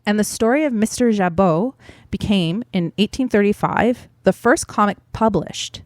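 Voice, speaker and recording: A woman co-hosts a podcast, explaining comic book history in a chatty, casual way with fillers and small laughs. Her voice is medium-pitched, and the recording is dry and clean, studio-quality.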